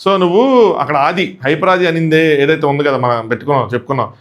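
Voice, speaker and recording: Fast-talking Telugu man recapping a show. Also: fairly high pitch. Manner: animated, acts out contestants' quotes in shifting voices. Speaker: show reviewer. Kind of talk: casual solo recap.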